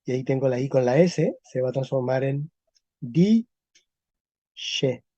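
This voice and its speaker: A male teacher giving a lecture on the history of Spanish, explaining step by step and checking with quick tag questions. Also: mid-range voice, dark tone, no room sound. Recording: dull lo-fi recording.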